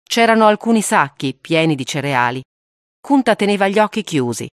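A woman reading a novel aloud in a steady, grave audiobook narration. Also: mid-range voice, normal speed, dry recording, clean studio sound.

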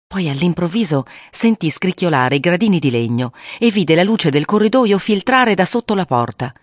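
A reader narrating a spooky children's story aloud in an expressive way, acting out the voices. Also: mid-range voice, normal speed, no echo, clean studio sound.

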